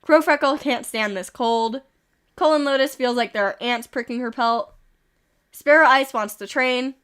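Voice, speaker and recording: A woman's voice: high-pitched, fairly bright tone, clean tone. Slightly sick woman reading game events. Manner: reads events with quick amused asides and chuckles. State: a little sick, with occasional coughs. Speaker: streamer. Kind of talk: casual game stream, reading in-game events aloud.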